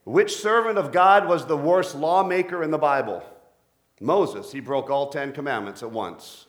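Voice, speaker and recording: A deep-voiced, middle-aged pastor preaches a sermon at normal speed, joking playfully with his congregation.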